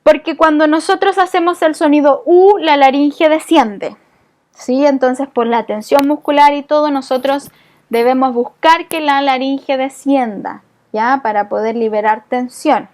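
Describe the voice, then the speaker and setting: A woman's voice: high voice, unhurried, darkish tone. A woman teaching a community voice-care class, explaining patiently and checking in with the group often. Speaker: voice therapy instructor.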